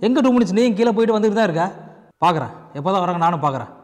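A man's voice: sits high, animated, racing, a little mellow. A man playing an impatient schoolteacher who scolds students and lectures a parent in a comedy sketch. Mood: stern. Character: stern scolding male schoolteacher. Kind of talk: Tamil comedy sketch acting.

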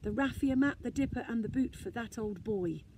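A woman's voice: a little high, normal speed, mellow, a little hiss or hum, lightly acted. A woman reading aloud, voicing a small, greedy, fretful male creature who pleads and wheedles. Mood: wheedling.

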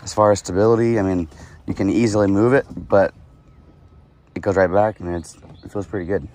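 A man with a very low, deep voice talks casually as he fishes from a kayak on a lake. He is recorded outdoors on a head-mounted action camera, with a faint outdoor hiss behind him. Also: brisk. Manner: relaxed, chatty, excited when a fish bites. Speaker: fishing vlogger. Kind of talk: casual narration while kayak fishing.

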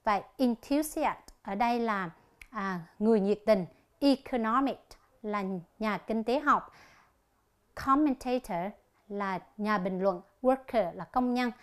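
Slow-explaining woman English teacher. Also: fairly high pitch, clear, resonant tone. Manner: slow, deliberate explaining, reading answer options aloud. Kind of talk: televised classroom lesson.

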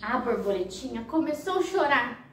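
Sing-song nursery teacher, echoey room. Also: female voice, on the high side, big pitch swings, moderate pace, far from the mic, a little hiss or hum. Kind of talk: storytelling for toddlers.

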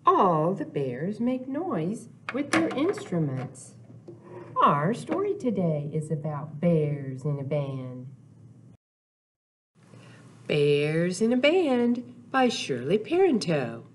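This older woman speaks in a lowish voice with big pitch swings, taking her time over background noise. Sitting before a wall in a small indoor room, she leads storytime for little kids, reading and talking in short, simple phrases sprinkled with playful sound words.

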